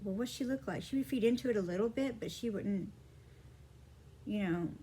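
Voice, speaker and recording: A woman's voice: mid-range voice, normal speed, dark tone, breathy edge, poor audio. A woman vlogging casually, telling a story from her childhood with many fillers and acting out the dialogue. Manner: rambling, many fillers, acts out quoted dialogue. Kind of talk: casual personal storytelling to camera.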